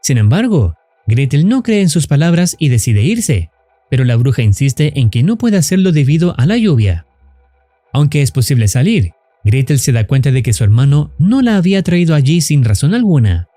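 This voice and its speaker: This is a man reading a scripted horror recap, his intonation lively and varied while his brightness stays controlled. He keeps a moderate pace, the audio is dry, and faint music runs under his voice.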